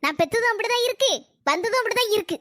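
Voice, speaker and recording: Performer doing an old nagging mother-in-law, very high voice, rapid sarcastic complaints, dry sound. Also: lively intonation, a bit bright, no room sound. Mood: quarrelsome. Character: elderly grumbling mother-in-law, quarrelsome and self-pitying.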